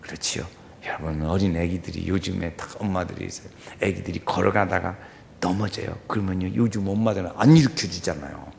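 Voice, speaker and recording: A man preaching a dramatic sermon as pastor, swinging between shouts and hushed whispers. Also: sits low, brisk, gravelly, slight background noise. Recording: echoey church hall.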